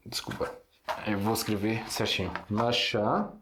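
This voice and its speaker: A man's voice: on the low side, steady tone, normal speed, noisy background. Syrian man teaching Arabic in an echoey room. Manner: hesitant, many fillers and restarts, explains with examples. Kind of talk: casual online language lesson.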